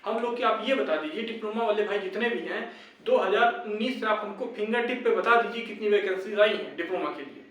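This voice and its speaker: Fairly quick and fairly bright, this young man's high-pitched voice carries his informal advice to viewers of his YouTube exam-update channel. He addresses them like brothers, repeating himself insistently to rally them. The sound echoes heavily, with the microphone placed at a distance.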